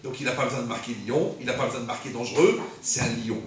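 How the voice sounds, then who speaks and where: A man's voice: mid-range voice, fast talker, distant mic. A male rabbi giving a humorous sermon to a congregation, joking and firing rhetorical questions at his listeners. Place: community center hall. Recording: echoey hall recorded from afar, faint noise.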